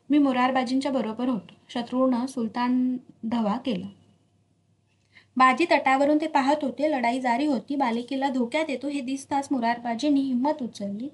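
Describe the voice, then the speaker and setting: A loyal soldier earnestly recounts a battle to his king, as a woman reader voices him. His voice is slightly high and steady. It is told as a plain storybook report. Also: slightly rough.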